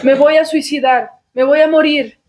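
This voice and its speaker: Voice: sits high, fairly even intonation, normal speed, a little mellow, voice pushed up, close to an everyday voice. A storyteller voicing a young woman who pleads dramatically with her father in a devotional class story. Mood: pleading. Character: young woman, a pleading daughter threatening self-harm.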